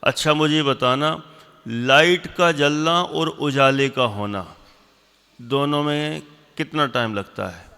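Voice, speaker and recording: A man teaching a religious class, slowly repeating definitions and quizzing and scolding his pupils. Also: medium pitch, pushed and bright, smooth, big-room sound. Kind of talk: classroom lesson with questions to students.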